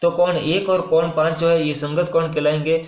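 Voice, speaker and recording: A male maths teacher with a fairly high voice walks through a problem step by step. He keeps asking and answering his own questions, with filler pauses between them. The room around him sounds echoey. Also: flat delivery. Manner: casual, with frequent "uh" pauses and repeated phrases. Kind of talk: whiteboard maths lesson.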